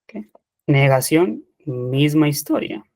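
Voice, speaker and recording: A man's voice: a little high, lively intonation, slow pace, a little mellow, dry recording. A man teaching English grammar in an online class, explaining step by step and checking in with the students. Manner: patient, methodical, checks in with "ok". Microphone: computer mic in online seminar.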